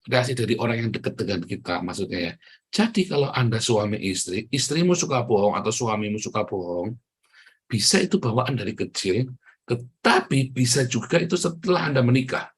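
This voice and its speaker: A man with a husky, slightly breathy voice preaches in a loose, conversational way, speaking straight to the congregation. His delivery jumps between loud, punchy bursts and quiet, low asides. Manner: conversational preaching, often turns to the congregation directly. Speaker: pastor. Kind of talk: sermon.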